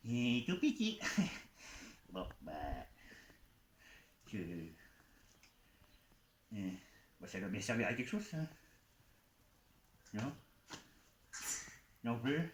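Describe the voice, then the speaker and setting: In an echoey venue with background noise, a man in the role of a goblin expert entertains children with a playful live comic show, talking straight to the kids and coaxing them along. His mid-range voice is very animated, stretching out words and pausing often.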